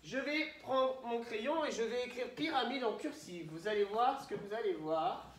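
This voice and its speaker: A man's voice: very high-pitched, slight background noise. Guy teaching little kids, asks lots of questions, sounds a bit far off in a roomy classroom. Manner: questioning, prompting pupils to answer; spells out syllables slowly. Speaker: primary school teacher. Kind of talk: teaching a class of young children. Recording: roomy echo, voice from the mic.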